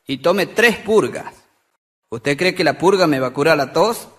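A man telling quick jokes between songs on stage, acting out the characters and laughing at his own punchlines. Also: fairly high pitch, expressive, a bit bright. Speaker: folk comedian and singer. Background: music.

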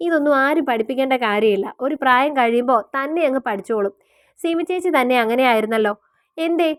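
A woman's voice: sits high, fast talker, no room sound, clean studio sound, natural voice. A woman voicing a chatty, curious young woman who teases her mother. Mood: teasing. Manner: curious, teasing.

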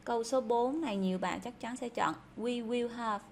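A woman's voice: on the high side, moderate pace, slight background noise. Chatty Vietnamese woman teaching English. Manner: chatty, repeats words aloud for students. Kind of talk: casual explanatory lesson.

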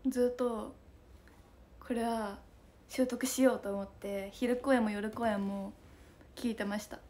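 A young woman chatting casually on a live stream, reading comments aloud in a playful way and often dropping into a soft whisper. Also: fairly high pitch, fairly even intonation, measured pace. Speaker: idol streamer.

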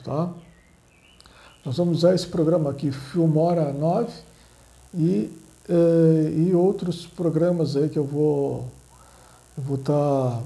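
A man with a fairly high, mellow voice hosts a relaxed how-to video on his channel, filmed indoors at a table showing objects and a laptop screen. He meanders as he explains, tacking on fillers constantly.

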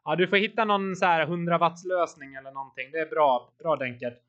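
A man's voice: on the high side, a bit bright, lo-fi sound. A man coaching his team live over voice chat during a virtual bike race, encouraging riders and calling out watts and turns.

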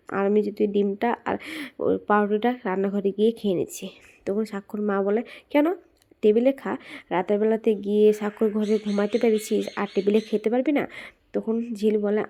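Woman narrator, dark mellow tone, casual serial recap voicing each character's lines. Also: medium pitch. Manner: quotes each character in turn, switching between narration and dialogue. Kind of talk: casual retelling of a TV serial episode.

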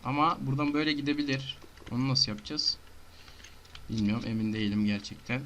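A man giving casual commentary on his own gameplay, talking to himself and breaking into frantic shouting and rapid repeated words. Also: mid-range voice, slight background noise. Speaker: gamer.

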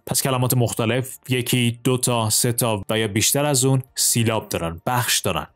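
A man from Iran teaching English, explaining quickly in Persian and slowly reading English example sentences aloud with clear stress. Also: mid-range voice, dry recording, studio quality.

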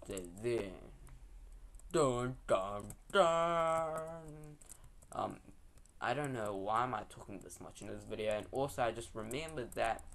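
A man's voice: fairly low pitch, bright, forceful tone. A young man giving casual, rambling, slangy gameplay commentary as a video host.

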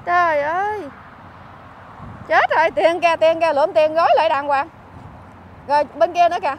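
A woman with a Southern Vietnamese accent, a vlogger chatting on the street who fusses, scolds and keeps exclaiming out loud. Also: extremely high pitch, a little fast, slight background noise. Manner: scolding and fussing, exclaims often. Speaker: vlogger helping homeless people. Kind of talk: casual on-street chat. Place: outdoors by a street.

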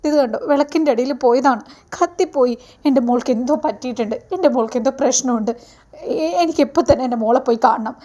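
Woman doing a freaked out stammery mom, high and pleading, from a serial recap. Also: fast, a little mellow, close to an everyday voice. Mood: frantic. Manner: frantic, pleading, stammering repeats. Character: young woman, anxious frightened mother.

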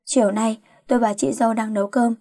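A woman telling a first-person late-night story in a lively, teasing way. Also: fairly high pitch, quick pace, dry recording, clean studio sound.

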